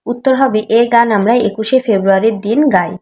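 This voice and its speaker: A woman teacher, reading a lesson for young children and spelling out letters slowly and patiently. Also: on the high side, mellow. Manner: slow, patient, syllable-by-syllable spelling aloud.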